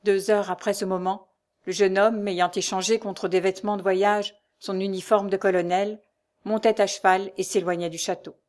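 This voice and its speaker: A woman reading a nineteenth-century novel aloud with measured, expressive narration. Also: mid-range voice. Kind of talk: literary audiobook narration.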